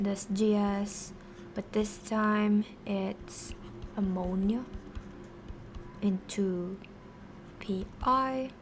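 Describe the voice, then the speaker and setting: Woman streamer doing a casual science lesson, slow and halting, mutters to herself as she writes, bit of noise behind. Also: mid-range voice, a little mellow. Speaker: streamer teaching biochemistry. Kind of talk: casual livestream lesson, talking while writing.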